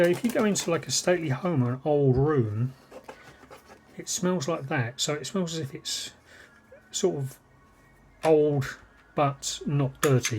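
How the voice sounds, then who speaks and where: In a loose, unplanned unboxing chat, a British man shows vintage cassette items on his vlog and muses as he talks. He speaks at medium pitch with background noise present.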